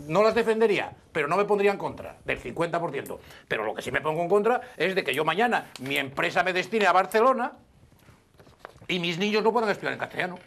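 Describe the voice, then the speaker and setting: A man's voice: high-pitched, creaky, slight background noise. A man with a Spanish accent arguing his point emphatically on a TV debate panel. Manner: emphatic, deliberate, forceful. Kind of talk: heated political debate.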